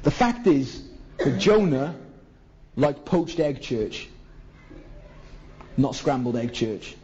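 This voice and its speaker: A man's voice: mid-range voice, expressive, slow, darkish tone, dull audio, a little hiss or hum. A man with a Welsh Valleys accent preaching a colloquial sermon, putting rhetorical questions to his listeners. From South Wales valleys.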